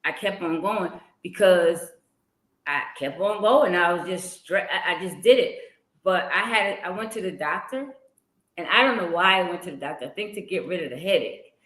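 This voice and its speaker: A woman hosting a podcast, telling personal stories in a lively, conversational way with frequent restarts. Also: on the low side, normal speed. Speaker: podcast host. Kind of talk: casual conversational interview. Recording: roomy echo.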